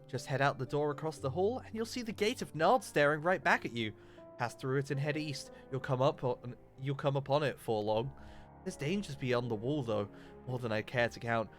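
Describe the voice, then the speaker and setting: A man's voice: a little high, lightly acted. A man voicing a chatty, folksy little woman who runs a guild and gives directions with old-fashioned slang.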